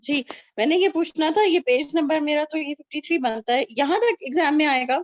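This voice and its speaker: A woman student with a high voice on an online class. Her line is dull and dry, like cheap call audio. She repeats her question until the teacher picks it up. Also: no echo.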